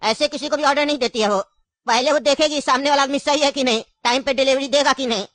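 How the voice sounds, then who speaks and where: A woman's voice: high voice, fairly even intonation, quick pace, a bit bright, no room sound. A woman doing a crafty old cartoon grandpa. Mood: coaxing. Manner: insistent, coaxing, storytelling. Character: elderly grandfather, cunning, grieving his grandson. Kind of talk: cartoon voice acting.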